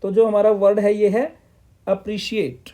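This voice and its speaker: In a high-pitched, level, warm voice, a man from Punjab, India teaches at an unhurried pace. His classroom-style explanation blends English terms into Hindi, and he both asks and answers his own questions.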